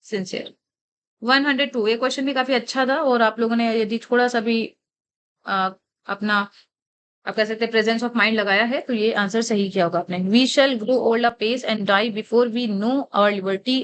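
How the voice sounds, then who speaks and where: A young woman with an Indian English accent, explaining exam answers step by step and reading the English questions out slowly. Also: on the high side, smooth. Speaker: teacher. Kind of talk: exam answer walkthrough lecture.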